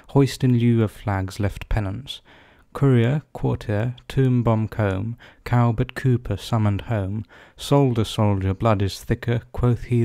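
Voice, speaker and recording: Male poetry reader, lowish pitch, deliberate careful delivery, dry close sound. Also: creaky, warm tone, no echo. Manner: measured, deliberate word-by-word reading. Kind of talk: poetry recitation.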